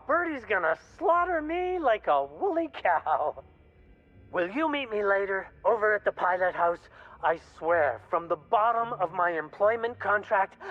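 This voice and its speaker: Wildly animated, panicky mascot guy. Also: high voice, muffled recording, exaggerated voice. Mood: panicked pleading. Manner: flustered, pleading, effusive. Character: panicky, folksy male sports mascot turned bumbling errand runner. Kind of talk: video game character acting.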